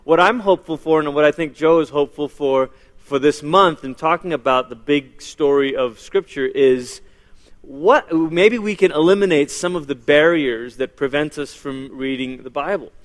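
A man's voice: fairly high pitch, normal speed, big-room sound. A man in his thirties from Malaysia, giving a chatty church teaching as guest speaker and joking with the audience. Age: 30s.

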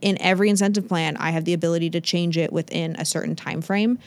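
A middle-aged woman, a business author, explaining her methods as a podcast guest in a confident, brisk, practical way. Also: on the low side, steady tone, vocal fry, no echo. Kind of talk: casual interview talk.

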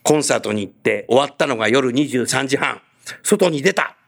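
A man's voice: mid-range voice, moderate pace, vocal fry. A man hosting an on-location interview in a casual, chatty way, telling stories and nodding along to his guest. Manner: chatty, animated storyteller, frequent nods. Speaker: host.

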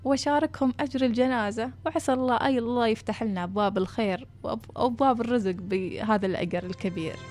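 A woman narrating a story, acting out the people in it with lively shifts of voice. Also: fairly high pitch, rapid-fire, soft background music. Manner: animated, acts out villagers' voices.

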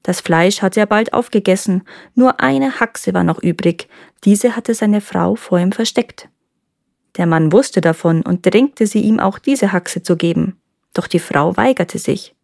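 Brief: a woman storyteller, calm and measured fairy-tale reading, close and dry. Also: medium pitch, vocal fry, dry recording. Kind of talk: reading a folk tale aloud.

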